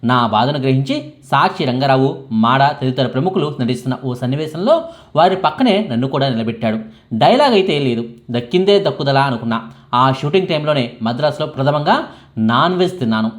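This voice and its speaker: A man's voice: medium pitch, expressive, fairly quick. A man narrating a first-person life story as scripted biography narration, acting out the quoted lines dramatically.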